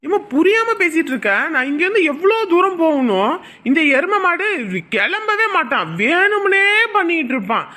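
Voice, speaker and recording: Brief: bright-toned performer as a bickering elder son, whiny and quick to blame, family comedy sketch. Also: medium pitch, expressive. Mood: complaining. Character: jealous, complaining young man, elder son.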